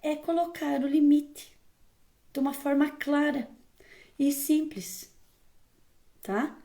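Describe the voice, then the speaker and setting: A woman's voice: high voice, steady tone, slow pace, dark tone. A woman speaking as a parenting educator, giving firm, emphatic advice to viewers in a casual tone and often checking in with the listener.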